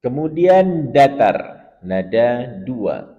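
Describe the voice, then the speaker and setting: A man's voice: mid-range voice, sing-song, very slow. A man teaching Quran recitation in a mosque, patiently modelling chanted verses and correcting students one by one. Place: mosque hall. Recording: dull lo-fi mosque recording with long hall reverb.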